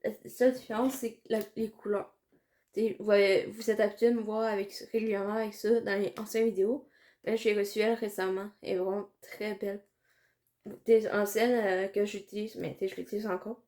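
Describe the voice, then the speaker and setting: A woman's voice: mid-range voice, level tone, a little fast, darkish tone. A woman with a Quebec French accent chatting casually through a makeup tutorial, rambling and hesitant with many fillers. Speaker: makeup vlogger.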